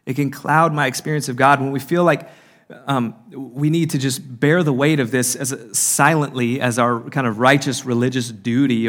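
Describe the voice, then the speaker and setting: Earnest male speaker, sermon delivery, mid-pitched, weighted pauses. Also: a bit bright. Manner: earnest, slows down to stress lines. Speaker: conference speaker. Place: conference hall.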